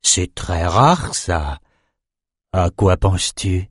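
A man doing a slow confident old wizard. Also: deep voice, animated, fairly bright tone, husky, no room sound, clean studio sound, full character voice. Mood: teasing.

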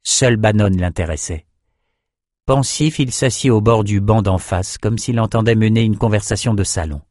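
A man narrating a fantasy audiobook in a measured, even storytelling manner. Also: on the low side, no room sound, clean studio sound.

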